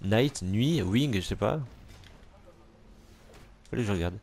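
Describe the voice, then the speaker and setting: A man's voice: on the low side, lively intonation, slow, a little mellow. A man casually commentating a superhero video game, joking, swearing and talking back to enemies on screen. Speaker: gamer commentating gameplay. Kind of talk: let's play commentary.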